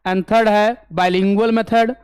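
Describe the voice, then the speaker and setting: A man teaching an English grammar lesson for an exam, explaining step by step and often asking if it is clear. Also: high-pitched, steady tone, measured pace, darkish tone, no room sound. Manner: explains step by step, keeps asking "clear?" and answering his own questions.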